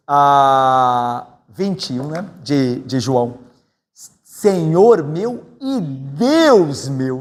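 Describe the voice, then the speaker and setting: A man from Brazil, a pastor preaching a sermon in a conversational way, often tagging his points with quick questions to the congregation. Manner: conversational, tag questions, animated swings in pitch. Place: church sanctuary. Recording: church hall with long reverb.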